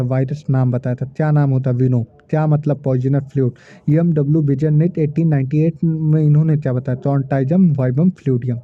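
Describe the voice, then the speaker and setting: A male biology teacher running a quick-fire revision quiz, asking questions and answering them himself, with hesitant fillers as he recalls terms. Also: on the high side, no echo. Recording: tinny phone-like recording, dry.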